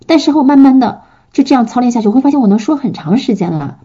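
Earnest woman preacher, dark husky voice. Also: fairly high pitch, animated, fast talker, dull audio. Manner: earnest, gentle, with frequent fillers. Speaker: pastor's wife answering questions. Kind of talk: sermon and Q&A teaching.

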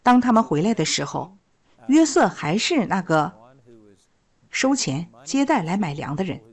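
A woman's voice: medium pitch, sing-song, a little slow, breathy edge. A woman teaching a Bible story, retelling the scripture in plain storytelling.

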